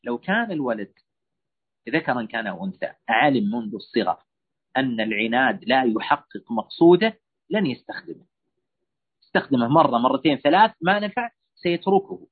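Man, Islamic lecturer, husky, earnest and repetitive, phone-quality audio. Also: medium pitch, lively intonation, fairly quick. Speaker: Islamic lecturer answering questions. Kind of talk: religious parenting lecture. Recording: husky voice over a tinny phone-like line.

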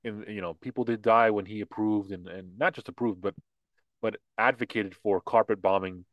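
A man with a lowish voice co-hosts a podcast, chatting casually and opinionatedly about politics, mocking the people he discusses and acting out their quotes. His tone is steady and his pace moderate, on a rough recording without echo.

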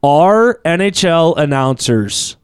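A man hosting a sports chat show with a slightly higher voice, recorded close and dry. He jokes around and keeps the talk moving from topic to topic. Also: big pitch swings, slow pace, clean tone, dry recording. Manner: joking, steers the conversation. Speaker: podcast host.

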